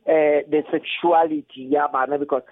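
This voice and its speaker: A man's voice: a little high, steady tone, no room sound. Hesitant South African Setswana man, phone-like sound. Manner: hesitant, frequent pauses. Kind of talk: radio discussion, mixing languages. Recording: narrow phone-like line.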